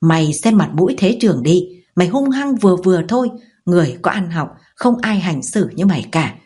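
A woman voicing a stern, sharp-tongued mother-in-law who scolds in a quick, shrill way. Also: very animated, slightly rough, full character voice. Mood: scolding.

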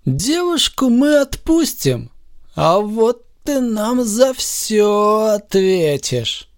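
A man voicing a smug male superhero leader in a storybook, taunting in slow, drawn-out phrases. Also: sits high, very animated, pitched above the performer's own voice, full character voice. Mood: mocking.

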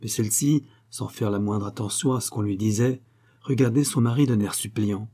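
Mellow, husky male audiobook narrator. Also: lowish voice, moderate pace. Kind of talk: scripted narration of a classic novel.

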